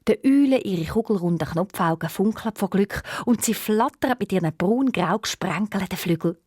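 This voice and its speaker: A woman with a Swiss accent narrating a children's radio play in a lively way. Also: mid-range voice, moderate pace, slightly rough, no room sound, studio quality.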